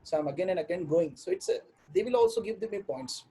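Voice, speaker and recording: A man with an Indian accent explaining a lesson in a halting, repetitive way as a software trainer. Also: sits high, animated, slight background noise.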